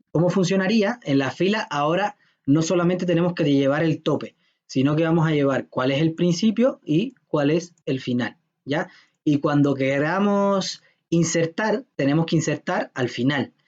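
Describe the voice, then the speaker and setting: Casual lecturer, male, slightly high voice, jokey and chatty, muffled lo-fi recording. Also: a little mellow. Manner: chatty, joking, checks understanding with "¿ya?". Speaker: programming lecturer. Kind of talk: informal classroom lecture.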